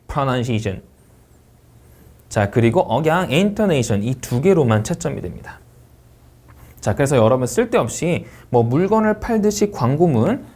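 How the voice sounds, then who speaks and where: Animated test-prep teacher. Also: male voice, medium pitch. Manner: animated, stretches English phrases slowly to show rising and falling intonation. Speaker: TOEIC Speaking instructor. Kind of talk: lecture with English examples.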